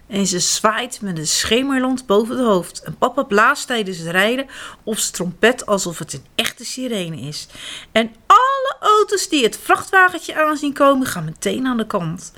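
A woman reading a children's story aloud, expressive and animated. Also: on the high side, moderate pace. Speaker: narrator.

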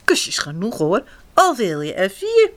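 Cheerful friendly squirrel, obliging, lively storybook voice, slow, read by a woman. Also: mid-range voice.

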